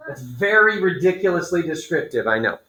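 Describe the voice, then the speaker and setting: Bright-voiced man teacher reading aloud. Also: on the high side, sing-song, brisk. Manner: playful, chatty asides to students. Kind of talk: reading a story aloud to a class and explaining it. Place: classroom. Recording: echoey classroom with students.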